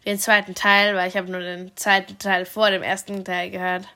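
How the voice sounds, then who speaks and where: A woman chatting in a casual question game, talking with headphones on over loud music that she alone hears. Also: mid-range voice, little pitch movement, moderate pace. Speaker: challenge guest.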